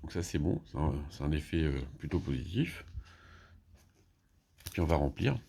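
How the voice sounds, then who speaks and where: A man's voice: very deep voice, sing-song, normal speed, gravelly, mellow, husky. A man casually explaining his moves in a solo board game, thinking aloud with many hesitations and restarts.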